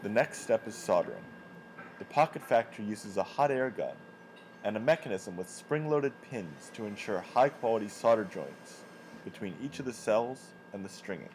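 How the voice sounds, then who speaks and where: A man giving a scripted voice-over that explains a machine step by step, in an even, explanatory way. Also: fairly low pitch, normal speed, a little hiss or hum, low-quality recording.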